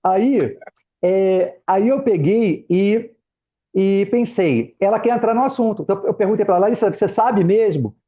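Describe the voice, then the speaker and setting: A man's voice: high-pitched, unhurried. A middle-aged Brazilian man, a former pastor and guest, telling personal stories in a casual chat, acting out his children's voices. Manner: animated, acts out family members' voices in quotes. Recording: muffled lo-fi live stream audio.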